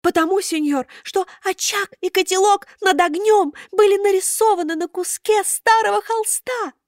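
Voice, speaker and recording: Woman doing a shrill whining wooden puppet boy. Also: moderate pace, dry recording, clean studio sound. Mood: pleading. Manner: thin plaintive wailing voice.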